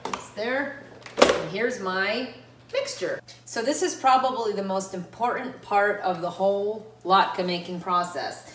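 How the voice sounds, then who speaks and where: A woman's voice: mid-range voice, measured pace, echoey room, far from the mic. Thirties woman, guest chef, chatty and instructive, recorded by a camera across the kitchen with faint background noise. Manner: chatty, instructive, talks while working. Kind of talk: home cooking demonstration. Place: home kitchen, indoors.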